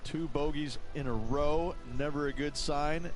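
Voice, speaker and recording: A man's voice: on the high side, measured pace, soft background music, natural voice. A man playing an easygoing golf commentator and analyst who explains shots and strategy in a video game. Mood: analytical. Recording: faint outdoor ambient noise.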